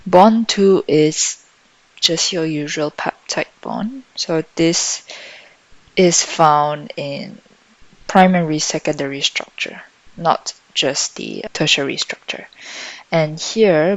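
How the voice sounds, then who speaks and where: A woman tutor thinking out loud as she works through exam questions in a lesson, on a dull lo-fi microphone. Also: low voice, no echo. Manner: thinking out loud while solving. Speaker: biology tutor.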